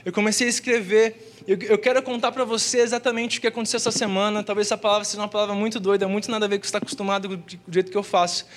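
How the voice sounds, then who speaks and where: A man's voice: high voice, level tone, rapid-fire. A young man with a Brazilian accent preaching a casual, earnest testimony sermon in church, full of slang. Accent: Brazilian Portuguese. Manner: slangy and earnest, peppered with "cara" and "velho". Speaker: youth preacher.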